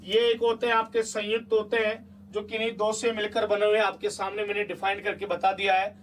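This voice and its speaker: Male teacher with a high voice, chatty exam-prep lesson, keeps checking the class, mic a bit distant. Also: completely flat delivery, a little fast, fairly bright tone, slight background noise. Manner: chatty, coaxing, asks the class repeated check questions.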